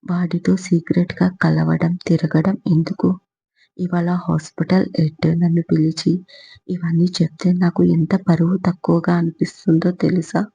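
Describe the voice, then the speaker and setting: A woman's voice: on the low side, flat delivery, normal speed, gravelly, dark tone, husky. Woman voicing a scolding tearful mother. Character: angry tearful middle-aged mother. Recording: muffled lo-fi recording.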